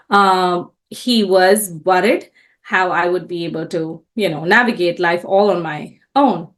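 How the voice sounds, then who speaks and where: A bit bright and medium in pitch, this woman's voice belongs to an entrepreneur in her thirties, born and raised in India, who is narrating her life as an interview guest. Earnest in manner, she repeatedly restarts and corrects herself.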